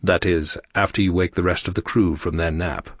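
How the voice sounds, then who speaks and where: A man voicing a calm male starship captain in an audiobook, giving brief praise and orders. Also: deep voice, normal speed, slightly rough, dry recording, studio quality. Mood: approving.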